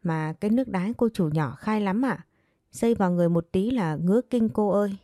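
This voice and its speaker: A woman's voice: mid-range voice, a little fast, mellow, no echo, studio quality, faint music behind, close to an everyday voice. A woman voicing a timid young servant girl who answers humbly and begs forgiveness. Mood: deferential. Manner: meek, pleading, deferential.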